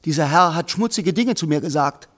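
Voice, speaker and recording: A man voicing a defiant little girl in a storybook reading, whining and shouting her complaints in a high, put-on voice. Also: lively intonation, fairly quick. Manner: loud, whiny pleading.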